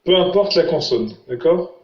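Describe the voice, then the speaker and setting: A man's voice: on the high side, expressive, moderate pace. A man teaching a language lesson, patiently quizzing his students. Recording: roomy, muffled lo-fi sound.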